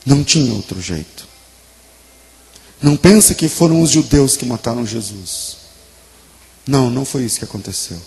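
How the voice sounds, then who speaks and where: A man preaching a sermon and telling a story with emotion, moving between hushed lines and emphatic ones. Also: mid-range voice, lively intonation, normal speed, long pauses. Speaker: pastor.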